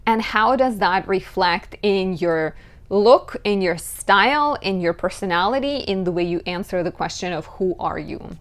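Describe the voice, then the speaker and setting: A woman astrologer giving a chatty, lively horoscope talk, often saying "like". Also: mid-range voice, unhurried.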